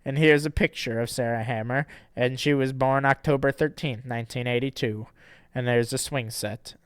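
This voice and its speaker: Deadpan man rambling through a comic. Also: medium pitch, moderate pace, smooth, dry recording, clean studio sound. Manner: deadpan, rambling, repeats "and then". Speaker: streamer. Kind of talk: reading a comic aloud.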